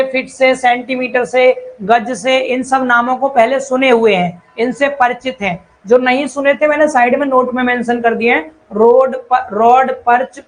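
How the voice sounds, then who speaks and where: Male tutor with a high voice, repeats terms, reads definitions slowly. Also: a little hiss or hum, rough recording. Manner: repeats key terms, calls students brother and child; reads English definitions slowly, then explains in Hindi. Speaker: civil engineering teacher. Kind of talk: online exam-prep lecture.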